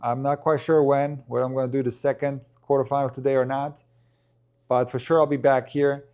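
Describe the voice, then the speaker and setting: A man's voice: mid-range voice, flat delivery, fairly quick, darkish tone. A man with a mid-range voice talks casually to his live-stream viewers. He rambles, restarts sentences and fills gaps with ums as he answers questions. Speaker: tennis coach and live-stream commentator.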